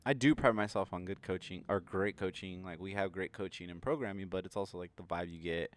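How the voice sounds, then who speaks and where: A young man who coaches at a gym, hosting a casual podcast chat in a relaxed, easygoing way with casual swearing. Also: deep voice, a little fast.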